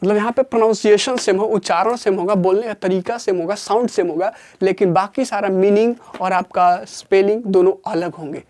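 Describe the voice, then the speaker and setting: A grammar teacher giving a classroom lesson, repeating each point and slowly dictating definitions word by word. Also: mid-range voice, fairly even intonation, a little mellow. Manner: repeats points and asks questions before answering them.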